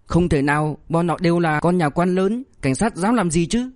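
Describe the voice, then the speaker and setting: A man puts on a cowardly, chubby young man who wails and begs, his voice pushed high and strained. The voice is close and dry, with no room around it. It is an audiobook character voice. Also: lively intonation, normal speed, no echo, lightly acted. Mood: terrified pleading. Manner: wailing, pleading.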